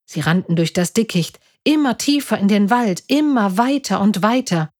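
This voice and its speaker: A woman reading a story aloud in a steady, careful way. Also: medium pitch, moderate pace, no echo, studio quality. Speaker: story reader.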